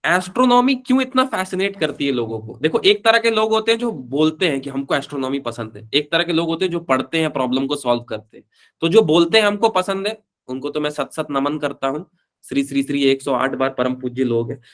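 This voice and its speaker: A man runs a live online physics class in a slightly high voice. He is chatty and informal, calls his students beta, and slips English phrases into his Hindi explanations. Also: lively intonation, brisk, a bit bright. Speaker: physics teacher.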